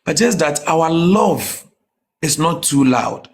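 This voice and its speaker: Emphatic Ghanaian man, higher-pitched voice. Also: animated, slow pace. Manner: emphatic, often checks the listener understands; mixes English with a Ghanaian language. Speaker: comedian, podcast guest. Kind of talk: casual interview talk.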